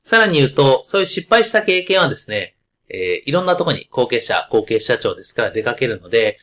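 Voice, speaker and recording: A man hosting a podcast with a loud, carrying voice, explaining ideas in a casual monologue full of asides and fillers. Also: medium pitch, big pitch swings, brisk. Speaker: podcast host.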